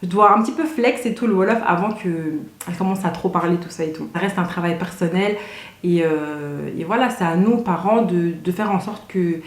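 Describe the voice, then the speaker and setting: A woman's voice: on the low side, fairly quick. Chatty woman in an echoey room. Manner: chatty, loose, slangy, many fillers and restarts. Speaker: vlogger. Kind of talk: casual chat to camera.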